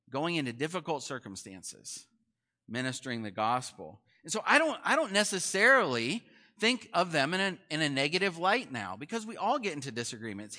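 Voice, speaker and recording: A man's voice: a little high, pushed and bright. A man preaching a sermon as pastor in a conversational way, often asking the congregation questions.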